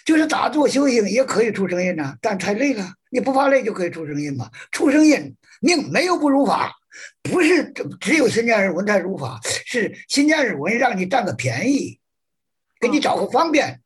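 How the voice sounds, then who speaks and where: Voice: mid-range voice, big pitch swings, moderate pace, husky. A Buddhist practice teacher, answering questions in plain, reassuring words and repeating key points. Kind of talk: colloquial Q&A answers.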